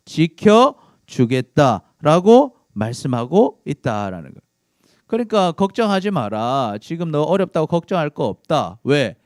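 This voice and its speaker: A man's voice: on the high side, darkish tone, dry recording, clean studio sound. A man preaching a sermon to a youth service, asking his listeners questions and acting out the lines he quotes. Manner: asks the audience questions and answers them, acts out quotes. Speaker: youth pastor. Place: church worship service.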